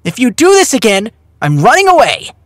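A man's voice: extremely high pitch, little pitch movement, normal speed, no echo, studio quality, pitched above the performer's own voice. A man voicing a sweet, chirpy young shop girl. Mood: indignant. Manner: bright, scolding when crossed. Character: sweet young woman running a snack shop.

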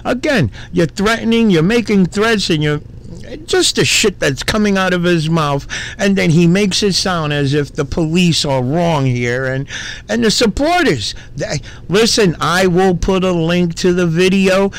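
A man's voice: high-pitched, animated, unhurried. A man hosts a casual commentary video, reacting to footage he has just played. He sounds fed up and swears freely, with plenty of filler words. His voice sits slightly above the usual range for a man. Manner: exasperated, swears, many fillers. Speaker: commentary channel host.

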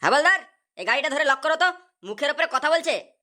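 A woman's voice: sits high, lively intonation, brisk, pushed and bright. A woman voicing a short-tempered male police officer in a cartoon, barking orders at young riders. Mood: angry.

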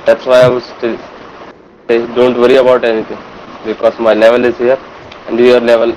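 A man's voice: mid-range voice, monotone, brisk, a little mellow, poor audio. Indian man chatting mid-game, faint noise. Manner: repeats short phrases. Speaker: squad gamer. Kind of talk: casual in-game chat.

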